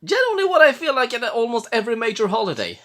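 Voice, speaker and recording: Man, drunk, very animated pitch, halting then blurting, casual film commentary. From Jämtland, Sweden. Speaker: film reaction host. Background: film soundtrack, faint music.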